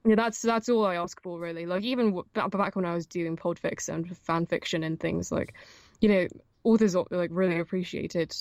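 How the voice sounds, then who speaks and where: A woman's voice: fairly low pitch, a little mellow, no echo, highs cut off. A young woman, an audiobook narrator, chatting casually as an interview guest, with many fillers and restarts. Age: young adult.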